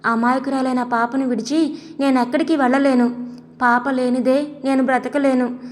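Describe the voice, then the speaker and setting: A woman voicing a tender young caretaker in an audio story, brooding slowly over her thoughts. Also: high-pitched, steady tone, close to an everyday voice. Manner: slow, brooding inner monologue. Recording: long echoey reverb.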